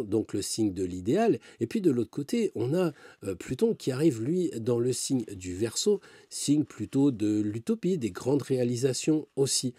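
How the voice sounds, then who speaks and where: A man talking casually about astrology and tarot, conversational and hesitant with many fillers, slipping into lively quoted asides. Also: mid-range voice, slightly rough, no echo, clean studio sound.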